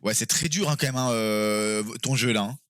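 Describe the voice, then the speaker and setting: A man streaming live and playing a quiz game with his viewers, excitable and quick to exclaim and swear when he is stuck. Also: fairly low pitch, dry recording, studio quality.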